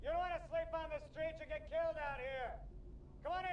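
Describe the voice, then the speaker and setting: A man doing a very high, coaxing game voice. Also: fairly even intonation, brisk, muffled recording, noisy background. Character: man beckoning a stranger inside.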